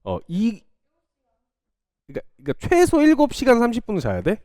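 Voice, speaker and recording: A man's voice: extremely high pitch, wildly swooping pitch, brisk, dark tone, no room sound, clean studio sound. A man teaching a math class in a small classroom, chatting and teasing his students playfully between problems. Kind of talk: casual classroom lecture.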